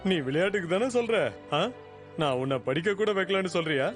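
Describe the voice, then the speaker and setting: A man's voice: sits high, animated, brisk. A man dubbing a lazy, hard-drinking uncle who scolds and mocks a boy, with music behind. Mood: scolding. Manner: scolding, mocking, blustery.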